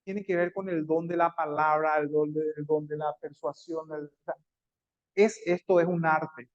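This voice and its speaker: High-voiced man teaching an online class. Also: flat delivery, moderate pace. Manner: conversational, with many fillers and restarts. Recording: dull lo-fi audio.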